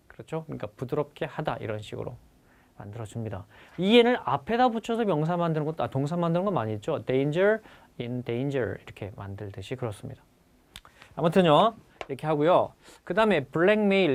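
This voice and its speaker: Lively-pitched male vocabulary lecturer. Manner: explains patiently, repeats key words slowly and often addresses the students; stresses the English words, then lets the Korean explanation trail off quietly. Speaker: English vocabulary instructor for civil service exam prep. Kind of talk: recorded lecture.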